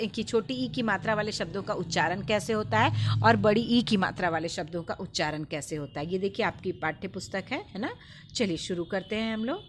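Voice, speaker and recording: A woman teaching a Hindi lesson to young children in a video. She speaks patiently, repeats words slowly and stresses each sound. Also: medium pitch, a little hiss or hum.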